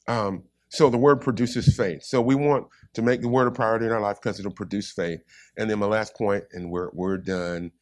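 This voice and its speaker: A man's voice: fairly low pitch, a little mellow. Man preaching a sermon. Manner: repeats points, calls to the congregation.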